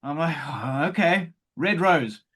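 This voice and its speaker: A man's voice: fairly high pitch, expressive, measured pace, a bit bright. A man hosting a podcast, talking earnestly and often restarting his sentences. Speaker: podcast host. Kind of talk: conversational podcast chat.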